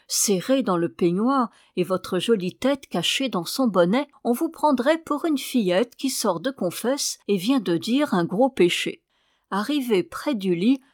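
Une femme qui lit un roman à voix haute avec un ton vivant et expressif. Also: female voice, medium pitch, no room sound, clean studio sound. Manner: lively, expressive storytelling. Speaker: audiobook reader. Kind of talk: literary reading.

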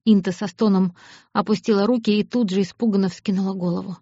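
A woman reading scripted audiobook narration in a measured, expressive way. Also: mid-range voice, dry recording. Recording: dull lo-fi audiobook recording.

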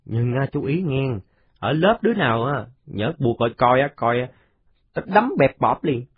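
A man's voice: medium pitch, lively intonation, moderate pace, husky, dry recording, narrow, tinny audio, pitched above the performer's own voice. A man voicing a boastful, chatty ten-year-old boy in a storybook reading.

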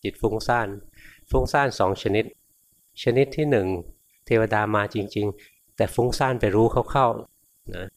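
A male Buddhist monk teaching in a casual, explanatory sermon style, often ending phrases with a soft particle and sometimes acting out inner thoughts in brief asides. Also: fairly low pitch, measured pace, vocal fry, long pauses. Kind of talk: conversational Dhamma sermon.

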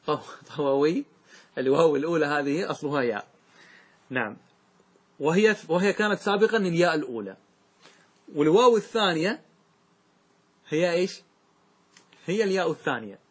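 A middle-aged man, a religious scholar, teaching grammar to a class, often quizzing his students and drawing out example words slowly. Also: on the high side, breathy edge. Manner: questioning, repeats and drawls out example words. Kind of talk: classroom lesson with questions to students.

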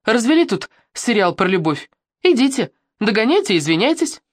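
A woman's voice: a little high, very animated, fairly quick, no echo, studio quality, pitched above the performer's own voice. A woman reading as a brash, scornful teenage girl. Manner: sharp, scornful.

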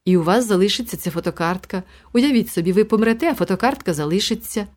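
A gloomy, thin, trembling man speaks in a storybook reading, anxious and blunt about grim things. A woman reads him out with barely any change from her own voice. Her pitch sits in an ordinary middle range. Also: lively intonation, quick pace, darkish tone, close to an everyday voice. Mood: morbid, polite.

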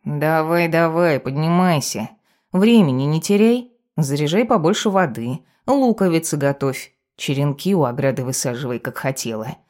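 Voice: medium pitch, moderate pace, darkish tone, lightly acted. A reader voicing a self-important male talking cat familiar who grumbles and lectures his mistress in an audiobook. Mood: bossy, lecturing. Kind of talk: audiobook character voice.

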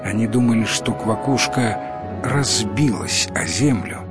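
A man reading a storybook tale aloud with an expressive, unhurried delivery. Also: lowish voice, loud music behind the voice. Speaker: narrator. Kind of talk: storybook narration.

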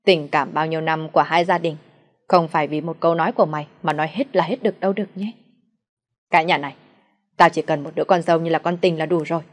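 A stern, quick-tempered middle-aged father barking rebukes, read by a woman narrator. The voice is low. It is an audio storybook reading. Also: fairly even intonation, lightly acted. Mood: enraged.

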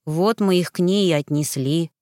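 Lady reading as a hoarse sick little boy, serious and slow, low voice. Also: mellow, no echo, clean studio sound, natural voice. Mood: earnest. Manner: slow, reluctant, earnest.

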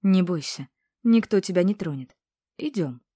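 A woman reading a novel aloud, voicing a fierce, bossy witch who talks in a sharp, commanding way. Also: on the low side, lively intonation, moderate pace, no room sound, clean studio sound.

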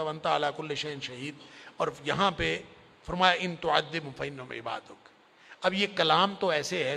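A man giving a sermon-style summary of the Quran, impassioned, swinging from loud emphasis to near-whisper. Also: on the high side, creaky. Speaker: Quran scholar and preacher. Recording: long hall reverb.

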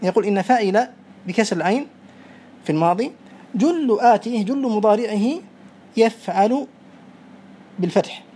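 A teacher giving a classroom lesson, who recites verse lines, explains them with examples, repeats key rules slowly, and quizzes students. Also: medium pitch, expressive, mellow, husky. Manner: quizzes students and praises answers. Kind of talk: classroom lesson on Arabic morphology.

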